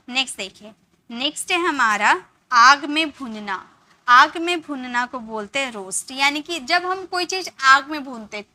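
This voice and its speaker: A woman teaching English verbs, repeating example sentences slowly with an Indian English accent. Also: sits high, sharp tone. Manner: slow, drawn-out model sentences repeated for learners. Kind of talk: spoken English lesson.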